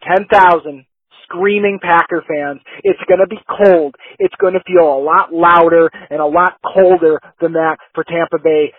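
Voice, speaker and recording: A man's voice: a little high, husky, dry recording. A man co-hosting a sports podcast, making fired-up, emphatic predictions. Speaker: podcast co-host. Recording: tinny phone-like line.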